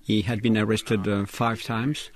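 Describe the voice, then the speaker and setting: A man giving a live interpreter voice-over for a guest in a news report, halting and full of fillers and restarts. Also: lowish voice, flat delivery.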